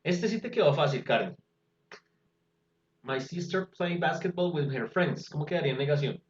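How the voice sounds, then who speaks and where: A man's voice: on the high side, animated, normal speed. A man teaching an English class over a video call, explaining patiently step by step. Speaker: English tutor. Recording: echoey, dull video-call audio.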